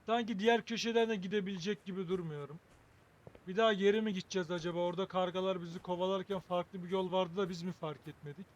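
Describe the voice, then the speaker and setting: A man's voice: high-pitched, steady tone, fast. A man hosting a gaming video with casual playthrough commentary, wry and joking as he thinks aloud.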